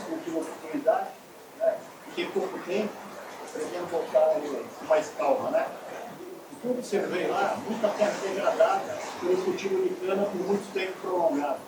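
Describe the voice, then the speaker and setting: Rambling older man in an echoey hall. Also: on the high side. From Brazil. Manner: warm and rambling, with frequent "né?". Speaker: audience member giving a testimony. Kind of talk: personal testimony. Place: union meeting hall. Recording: echoey hall, voice from far off, noisy.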